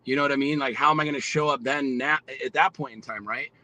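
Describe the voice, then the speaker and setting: A man's voice: mid-range voice, fast, bright, forceful tone, no room sound, rough recording. A man in his forties, a podcast guest, talking bluntly and with lots of profanity in a fired-up, motivational way. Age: 40s. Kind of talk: casual podcast conversation.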